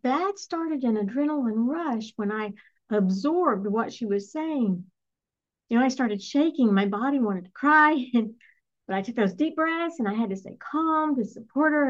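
Middle-aged female energy coach, slightly high voice, earnest and reflective storyteller, muffled recording. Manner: earnest, reflective, softly emotional. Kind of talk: personal storytelling monologue.

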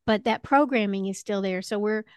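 A woman speaking as a spiritual healer and coach in a one-to-one conversation, gently reassuring as she guides. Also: medium pitch, normal speed, smooth, dry recording, clean studio sound.

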